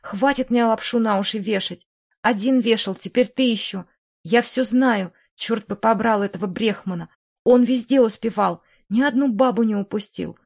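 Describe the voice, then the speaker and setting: A woman's voice: normal speed, gravelly, a little mellow. A woman reading an audiobook, voicing a jealous, hysterical widow who shrieks, sneers and sobs at her rival. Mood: furious. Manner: shrill, sneering, sobbing outbursts.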